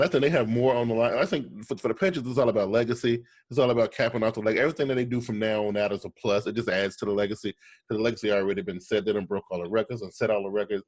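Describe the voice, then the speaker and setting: Husky-voiced man in sports podcast chat. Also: fairly low pitch, no room sound. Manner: talks in long runs, often checking in with "right?".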